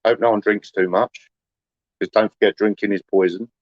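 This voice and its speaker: A man's voice: fairly low pitch, fairly even intonation, moderate pace, darkish tone, no room sound, highs cut off. A man, chatting casually to livestream viewers in a rambling, aggrieved way, full of "you know".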